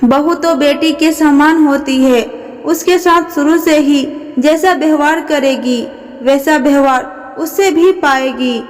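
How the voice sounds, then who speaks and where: A calm, reproving elderly aunt-in-law, as a storyteller woman puts her on, speaking in a measured, admonishing way. The voice sits high and unhurried. A long reverb trails each phrase. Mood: reproachful.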